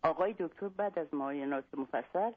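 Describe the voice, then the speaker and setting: A woman's voice: deep voice, slightly rough. Wry woman storyteller on a phone line. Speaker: guest humor writer. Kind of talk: reading a humorous story on radio. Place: northern California, on the phone.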